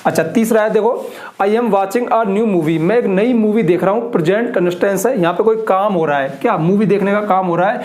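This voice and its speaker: High-voiced male teacher, echoey room. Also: darkish tone. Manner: explains slowly, repeats and stresses points. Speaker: English teacher. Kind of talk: classroom-style grammar lesson.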